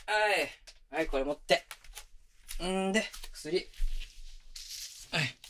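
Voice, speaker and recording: A voice actor plays a young boyfriend in a Japanese girlfriend-experience roleplay audio drama, a rough-talking but doting caretaker who coaxes and pampers his partner. His casual slang is softened by gentle, close whispers at times, captured on a binaural mic, in a tender, teasing mood. The voice sits fairly high and moves slowly, with slight background noise.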